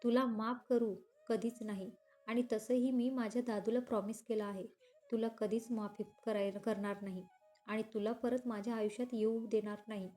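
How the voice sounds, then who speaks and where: A woman voicing a proud young woman in a read-aloud romance story, defiant and sharp-tongued. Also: a little high, little pitch movement, moderate pace, soft background music, lightly acted. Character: young woman, sulky, proud, angry at her ex.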